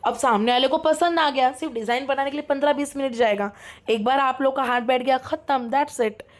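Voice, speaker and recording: A young woman teaching a live online class, chatty and encouraging, mixing English into her speech and often checking that students are following. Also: high-pitched. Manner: talks fast, keeps checking students follow. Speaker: online course mentor.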